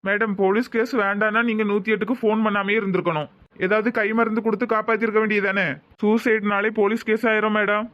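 A man voicing characters in a comedy cartoon, talking in a brisk, matter-of-fact way. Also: high-pitched, level tone, muffled recording.

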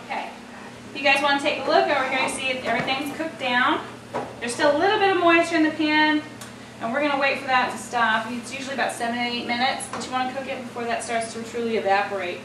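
A high, fast female voice belongs to an American cooking show host and chef giving a casual demonstration in a home-style kitchen. She is chatty and instructive, speaking directly to viewers. The distant-mic recording is roomy and noisy, full of a sizzling pan, clattering pots and stirring.

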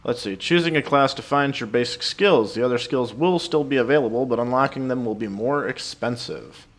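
A man giving casual game commentary, relaxed and thinking aloud. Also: medium pitch, a little fast. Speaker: let's play gamer.

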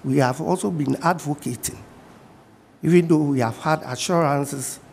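A middle-aged man with a Ghanaian accent and a fairly high voice speaks calmly in a TV studio interview, going back over his main points. His voice trails off into a long studio reverb, over a faint background hiss. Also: vocal fry. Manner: measured, repeats key points. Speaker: fishing industry guest.

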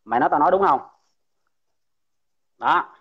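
A man's voice: a little high, animated, normal speed, fairly bright tone, breathy edge, dull audio. A man from An Giang with a Mekong Delta Southern Vietnamese accent, telling local gossip in a blunt, rambling casual chat and chuckling along the way. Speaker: local storyteller.

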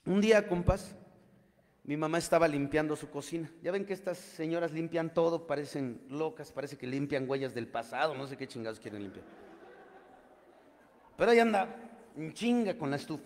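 A man's voice: a little high, lively intonation, moderate pace, big-room sound. A man with a Mexican accent sharing his recovery testimony with his group, using crude slang and calling his listeners compañeros.

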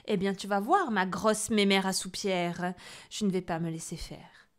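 A woman's voice: sits high, moderate pace, clean tone, pitched above the performer's own voice, natural voice. A woman voicing a small, mischievous and brave boy in a raised, teasing child's voice. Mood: cheeky.

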